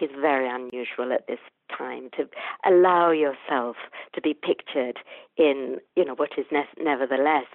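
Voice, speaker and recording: A woman's voice: a bass voice, no echo. A woman art historian speaks over a tinny phone line with a dry, close sound. She talks thoughtfully, circling back with small restarts and fillers as she builds each point. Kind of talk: interview answers.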